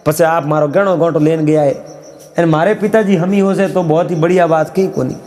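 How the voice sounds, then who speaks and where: A man's voice: fairly high pitch, normal speed. Marwari man telling a folk tale. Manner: lively storytelling with dialogue voices. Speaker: storyteller.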